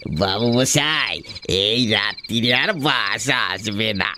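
A man voicing a sly rural male tea seller who speaks slowly and knowingly. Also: lowish voice, lively intonation, background noise. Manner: slow, knowing, chuckling.

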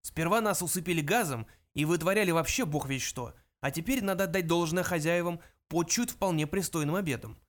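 A cocky, easygoing alien adventurer with a slightly high voice, casual and breezy, as a male reader plays him. A storybook figure. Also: a little fast, hardly any pauses, natural voice.

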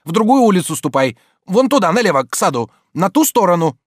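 A man voicing an agitated, nervous gentleman who pleads with and shouts orders at his servants. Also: high-pitched, a little fast, dry recording, studio quality, pitched above the performer's own voice. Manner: excited, insistent, shouting orders.

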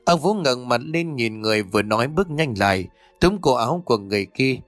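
A man narrates a spooky tale in a steady, even storytelling voice at a middle pitch. The recording is dry and close, with faint music playing under him. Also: brisk, no room sound.

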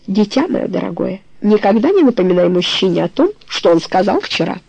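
Brief: a woman voicing a tender, wry man of forty in an audiobook, lowered and quiet, creaky and dark. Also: sing-song, fairly quick, a little hiss or hum, low-quality recording.

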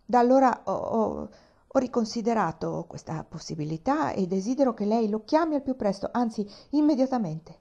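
A woman's voice: a little high, expressive, normal speed, warm tone. A woman voicing a proud older aunt who speaks anxiously and then tenderly. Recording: dull lo-fi recording.

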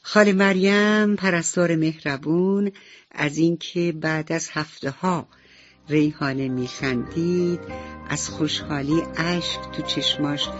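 A woman narrating a radio bedtime story, speaking directly and warmly to the children listening. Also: low voice. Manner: warm, addresses children directly. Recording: slightly dull radio recording, soft music behind.

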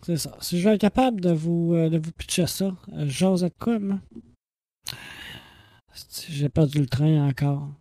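Rambling Quebec podcaster, dark tone. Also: male voice, on the high side, measured pace, pauses often, no echo, clean studio sound. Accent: Quebec French. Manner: rambling, hesitant, swears casually. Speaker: podcast host. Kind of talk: casual late-night podcast monologue. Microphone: podcast microphone.

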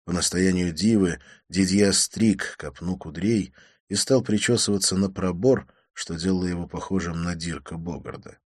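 Deep, expressive male audiobook narrator. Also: moderate pace, husky, no room sound, clean studio sound. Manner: expressive reading. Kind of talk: scripted narration.

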